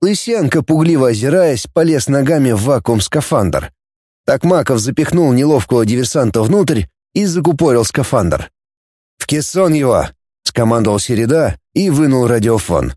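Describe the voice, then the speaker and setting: A man narrating an audiobook in an expressive storytelling manner. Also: medium pitch, moderate pace, no room sound, studio quality. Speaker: audiobook reader.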